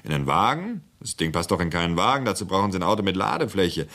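A man's voice: low voice, sing-song, fast talker, fairly bright tone, exaggerated voice. A man doing a blunt, greedy country man. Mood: pushy. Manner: blunt, pushy. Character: blunt, greedy rural man selling furniture.

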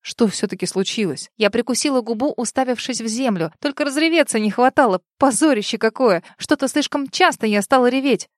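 A woman's voice: fairly high pitch, fairly quick, few pauses, no echo, studio quality. Intimate woman reading a romance. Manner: intimate, expressive, drops to breathy whispers. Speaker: audiobook narrator. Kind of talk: first-person romance novel reading.

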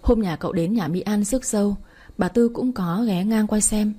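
A woman narrating a romance story in a calm, even storytelling manner. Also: medium pitch, normal speed, breathy edge.

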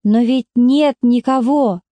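A woman reading aloud and voicing a grieving woman who speaks slowly and forlornly. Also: a little high, warm tone, dry recording. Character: grieving woman Zina, lost and despairing.

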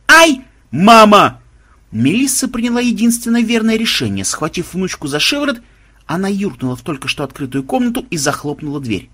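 Husky man reading a story aloud. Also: on the high side, fairly bright tone. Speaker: audiobook reader. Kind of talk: scripted story narration.

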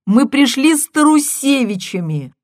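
A woman's voice: very animated, a little slow, dry recording, studio quality. A woman reading an audiobook and voicing a distraught, deserted wife who pleads and sobs on a phone call. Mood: frantic, tearful. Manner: shrill, pleading, sobbing.

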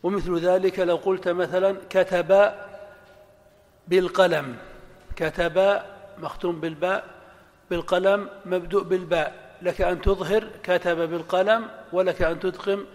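A male scholar giving a classroom lecture on grammar, explaining a text slowly and deliberately and repeating each example aloud. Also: high-pitched, fairly even intonation. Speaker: Islamic scholar teaching grammar. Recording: long reverb of a lecture hall.

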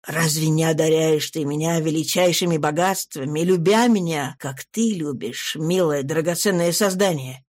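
A woman voicing a soft, tender husband. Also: low voice, moderate pace, hardly any pauses, pitched below the performer's own voice. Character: middle-aged male scholar, tender and absorbed.

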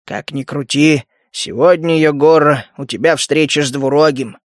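A gruff, cynical rat-faced mutant grumbles and scoffs, drawing out his words slowly, as a man narrating an audiobook puts him on. The sound is close and dry, with no room around it. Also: fairly high pitch, dry recording, natural voice. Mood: gloomy.

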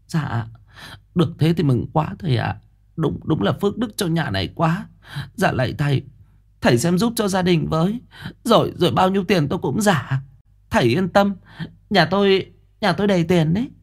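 An anxious, wealthy middle-aged mother in a told ghost story, pleading politely and fawning over the fortune-teller. Her voice is raised and softened, as a man narrates her. She speaks with nervous deference. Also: on the high side, very animated, moderate pace, breathy edge, voice pushed up, exaggerated voice.

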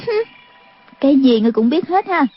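Woman putting on a shrill spiteful teenage girl. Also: lively intonation, fairly quick, soft background music. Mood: taunting. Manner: shrill, taunting, sulky. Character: mischievous spiteful teenage girl, martial-arts schemer. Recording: dull lo-fi audiobook recording.

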